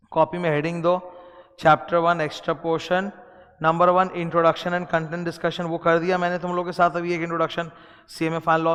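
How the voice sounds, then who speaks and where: A man's voice: a little high, a bit bright, smooth. Indian man lecturing in a reverberant room. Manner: explains in mixed Hindi and English, addresses students directly. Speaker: law teacher. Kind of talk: classroom lecture.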